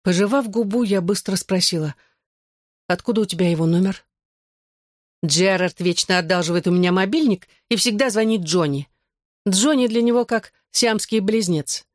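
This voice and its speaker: A woman reading a novel aloud in calm, even narration. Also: mid-range voice, moderate pace, dry recording, clean studio sound. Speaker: audiobook reader. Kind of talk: scripted narration.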